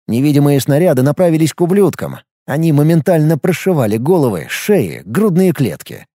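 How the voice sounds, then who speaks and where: A man reading a first-person audiobook story in a steady, measured way. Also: a little high, no echo, studio quality. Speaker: audiobook narrator. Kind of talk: first-person scripted narration.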